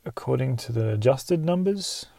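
A man co-hosting a casual movie chat, playful and teasing, with quick interjections. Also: mid-range voice, animated, vocal fry, mellow, no echo, recorded from a distance. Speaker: podcast co-host. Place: in a car.

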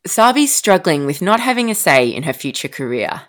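A woman hosting a podcast and narrating scripted story segments in an expressive storytelling manner. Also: on the low side, moderate pace.

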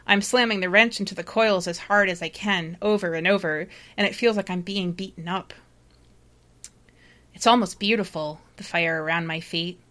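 A woman playing a panicked, doomed lighthouse keeper in space, delivering a halting, confessional distress-call monologue. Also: medium pitch, pushed and bright, close to an everyday voice. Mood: desperate, exalted. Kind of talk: dramatic first-person monologue read aloud.

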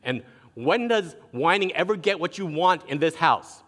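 A man preaching a sermon as pastor, telling stories in an animated way and acting out what others say. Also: fairly high pitch, normal speed. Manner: animated storytelling, acting out quotes. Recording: long reverb of a large hall.

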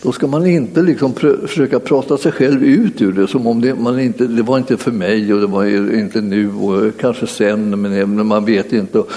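Mellow-voiced man preaching in a hall. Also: fairly low pitch. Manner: halting storyteller, many restarts and fillers, chuckles at own story. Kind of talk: sermon with personal testimony. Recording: long hall reverb.

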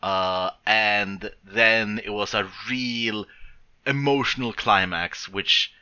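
Very bright-voiced man chatting on a podcast. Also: lowish voice, steady tone, slow pace, smooth, dull audio. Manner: hesitant, restarts and breaks up sentences. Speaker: podcast co-host. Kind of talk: casual film discussion.

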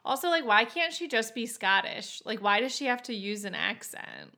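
A woman's voice: fairly high pitch, expressive, normal speed, vocal fry, sharp tone. A woman co-hosting a casual movie podcast, chatty and opinionated, with lots of filler words. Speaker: podcast co-host.

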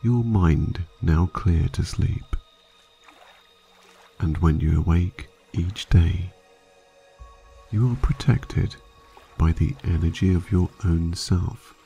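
Over soft music, a man narrates a guided sleep meditation in the manner of a sleep story narrator. His low-pitched, creaky voice is calm, measured, and hypnotic, with long pauses between phrases.

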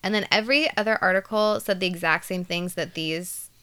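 A woman co-hosts a casual podcast with a bright, sharp tone. Her voice is smooth and crisp. She chats loosely with plenty of fillers and laughs easily as she recaps a story. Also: lowish voice, fairly quick. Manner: chatty, laughs easily, uses many fillers. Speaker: podcast co-host.

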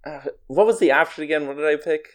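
A man's voice: a little high, fast. A man co-hosting a podcast in casual chat, joking at his own expense. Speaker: podcast co-host.

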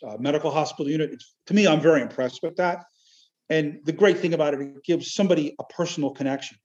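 A man talking casually in an interview, halting and rambling but enthusiastic. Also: mid-range voice, a little mellow. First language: Chiac French. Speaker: amateur military history researcher, podcast guest. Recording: dull, lo-fi audio.

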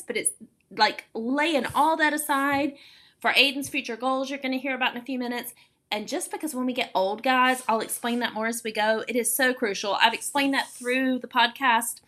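A woman's voice: a little high, bright, forceful tone. A woman in her late forties, hosting a casual fitness podcast as an encouraging, emphatic coach. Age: late 40s. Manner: encouraging, emphatic, repeats words for stress. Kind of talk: casual explanatory podcast talk.

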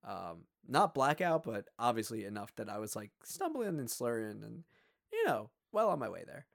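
A man's voice: medium pitch, moderate pace, vocal fry. A young man co-hosting a podcast, telling a story casually, with lots of fillers and voices for the people in it. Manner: animated, acts out quoted voices, many fillers. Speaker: podcast co-host.

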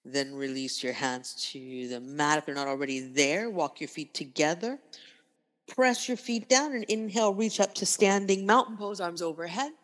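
A woman instructor guiding a yoga class with calm, unhurried cues in short, breath-led phrases. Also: lowish voice. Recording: long reverberant room echo.

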